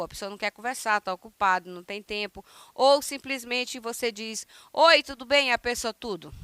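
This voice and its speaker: A Brazilian woman, native Portuguese speaker, teaching a recorded Spanish lesson, who pronounces phrases slowly and emphatically and then adds quick asides, checking in with "né?" and "tá?". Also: mid-range voice, bright, forceful tone, clear, resonant tone, dry recording. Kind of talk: recorded online language lesson.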